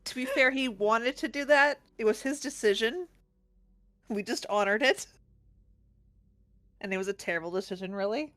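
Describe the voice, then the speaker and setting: A woman's voice: fairly high pitch, moderate pace, pauses often, a bit bright, dry recording. A woman playing a tabletop game and talking casually with the group.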